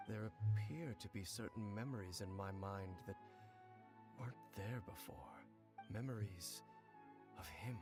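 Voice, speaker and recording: Guy voicing a serious low-voiced investigator dude, super formal, music going behind. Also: natural voice. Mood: troubled. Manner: formal, measured, explanatory. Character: calm, measured male investigator knight. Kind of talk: game dialogue. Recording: game audio with music.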